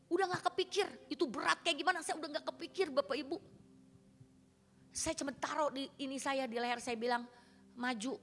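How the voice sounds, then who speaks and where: A woman pastor, preaching a sermon in a colloquial, dramatic storytelling manner. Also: a little high. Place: church hall. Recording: reverberant church hall with faint music.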